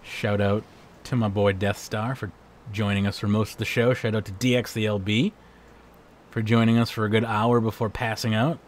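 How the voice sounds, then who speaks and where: A man with a hoarse voice, hosting and wrapping up a livestream in a casual, rambling way. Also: lowish voice, little pitch movement, moderate pace, slight background noise. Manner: rambling, laid-back. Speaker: livestream host. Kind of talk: casual stream sign-off chat.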